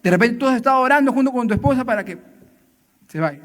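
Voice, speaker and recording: A man's voice: very high voice, animated, fast, fairly bright tone, long reverb tail. A man giving a family sermon in a church, talking in a conversational way, often tagging questions and acting out short dialogues. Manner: conversational preaching, frequent tag questions, acts out dialogues. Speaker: church speaker.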